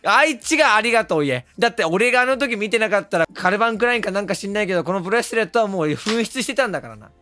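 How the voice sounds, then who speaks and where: A hoarse man, talking casually on stream, excitable and quick to laugh or yell. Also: sits high, dry recording, soft background music. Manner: excitable, switches between laughing and yelling. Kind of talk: casual stream talk reacting to comments.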